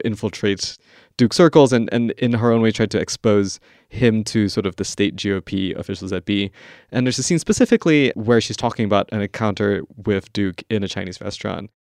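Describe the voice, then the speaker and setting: A man hosting an interview, talking loosely and haltingly with many fillers. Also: on the low side, a little mellow, no room sound, clean studio sound. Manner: hesitant, many "like" and "you know" fillers. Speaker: podcast host interviewer. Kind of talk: conversational interview.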